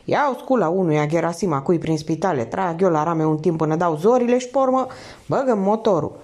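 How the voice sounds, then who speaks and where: A desperate male con man on the run lays out his escape plan in urgent slang. A woman voices him in an audiobook reading. Her voice stays mellow and rises and falls a lot. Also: lowish voice, lively intonation.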